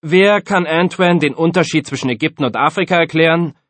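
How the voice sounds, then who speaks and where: A man's voice: fairly high pitch, fairly quick, fairly bright tone, no echo, pitched above the performer's own voice, close to an everyday voice. A man voicing a patient adult male teacher who speaks earnestly to a student in an audiobook.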